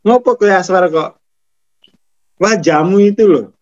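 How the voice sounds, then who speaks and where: Male spiritual teacher, Javanese accent, high and unhurried, laughs through his points, dull recording. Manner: chuckles often, acts out scolding inner voice. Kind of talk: casual spiritual talk.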